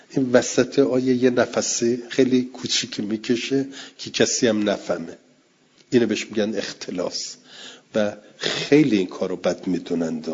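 A low-pitched man with a husky edge lectures a class, reading out passages of classical text and then explaining them plainly. The recording sounds dull and lo-fi. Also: darkish tone. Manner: reads Arabic text aloud, then explains it in colloquial Persian. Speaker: teacher of Quranic exegesis.

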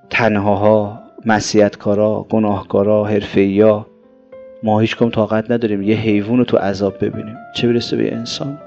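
Male preacher, sermon, emphatic then hushed delivery, dull lo-fi sound with soft music behind. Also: vocal fry. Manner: swings between loud emphatic exhortation and low quiet lines. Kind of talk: religious sermon.

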